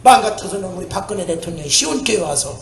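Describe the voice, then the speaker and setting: Animated preaching man in echoey church. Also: sits high, fast talker, slight background noise. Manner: animated storytelling with laughter and shouts. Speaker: missionary preacher. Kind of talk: sermon. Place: church sanctuary.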